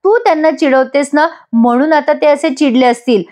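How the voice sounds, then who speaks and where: A woman's voice: high-pitched, normal speed, darkish tone, voice pushed up, natural voice. A woman voicing a fussing mother who dotes on her son-in-law and scolds her daughter. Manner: scolding, nagging, rustic turns of phrase.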